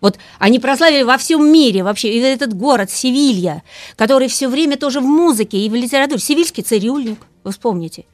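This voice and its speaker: A woman guest speaking as a music expert, explaining things lively and asking rhetorical questions. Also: high voice, quick pace, no room sound. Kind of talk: radio talk about opera.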